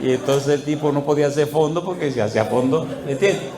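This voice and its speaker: A man's voice: a little high, quick pace, echoey room, crowd noise. A middle-aged man preaching a sermon as a pastor, firing questions at the congregation and telling stories with animation. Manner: call-and-response questions to the congregation, animated storytelling.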